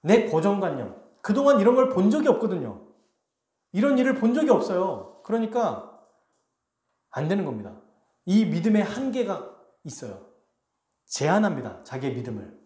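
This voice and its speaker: A man's voice: high voice, huge pitch swings, normal speed, pauses often, dark tone. A male pastor preaching a sermon, talking directly to his congregation and acting out the lines of biblical characters. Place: church sanctuary. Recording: echoey church sanctuary.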